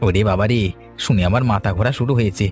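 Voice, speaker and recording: Guy voicing a greedy crook sidekick, low voice, rattles it off quick. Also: soft background music, lightly acted. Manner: excitable, greedy, fawning. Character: greedy crooked accomplice, excitable. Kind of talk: cartoon voice acting.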